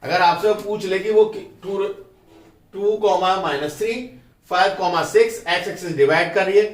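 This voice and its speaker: A man teaching a school math lesson, explaining step by step and quizzing his students with quick questions. He reads terms. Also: sits high, echoey room, distant mic.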